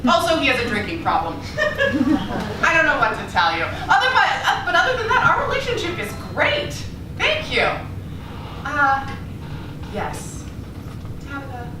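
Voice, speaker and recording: A woman's voice: high-pitched, huge pitch swings, a little slow, long pauses, voice pushed up, exaggerated voice. A woman playing a boastful, vain male escape artist, speechifying in a grandiose, self-important way in a stage monologue. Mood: pompous. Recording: echoey distant stage recording, noisy.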